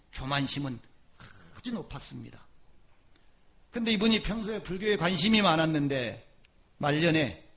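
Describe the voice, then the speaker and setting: A man, a Buddhist monk, giving a sermon as a story. He asks his listeners questions and moves sharply between loud and soft. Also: on the high side.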